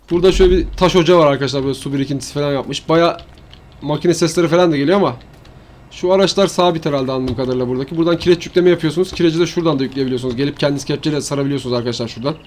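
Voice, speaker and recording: A man's voice: on the high side, rapid-fire, a little mellow. A man giving rambling, slangy commentary while showing a farming game map to his viewers. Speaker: gaming channel host. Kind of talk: casual gameplay commentary.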